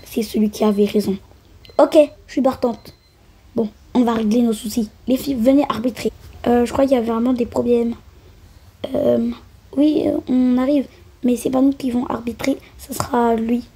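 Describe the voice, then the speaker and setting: A woman acting out a doll-play story, switching quickly between the lively voices of many children and grown-ups. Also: fairly high pitch, breathy edge. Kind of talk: acted-out doll play voicing many characters.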